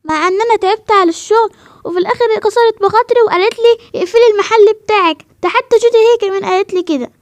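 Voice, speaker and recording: A woman voicing an eager, touchy young salon owner in a game role-play, speaking Egyptian Arabic-accented lines in a very high, quick voice. The sound is close and dry, with no room around it. She stays chatty and earnest throughout. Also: no room sound. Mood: upset. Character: girl who opens a hair salon, eager, sensitive.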